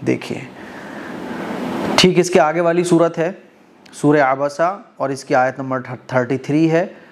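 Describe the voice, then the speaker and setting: A man's voice: on the high side, noisy background. Patient man teaching Quran recitation. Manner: explains step by step, often checks understanding; chants verses slowly with drawn-out vowels. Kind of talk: tajweed lesson.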